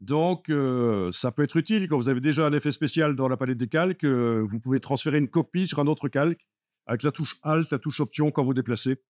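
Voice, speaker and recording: A man's voice: medium pitch, fairly quick, darkish tone, no room sound, clean studio sound. A man teaching a live Photoshop class, explaining steps patiently with many fillers like "euh" and "voilà". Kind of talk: live classroom software lesson.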